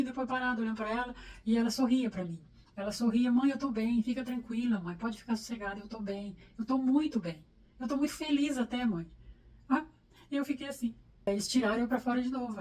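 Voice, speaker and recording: A middle-aged Brazilian mother telling a story quickly and anxiously, often repeating words. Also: fairly high pitch, darkish tone, recorded from a distance, poor audio. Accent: Brazilian Portuguese. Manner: anxious, fast, stumbling repeats. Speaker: interviewee, mother. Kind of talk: personal storytelling.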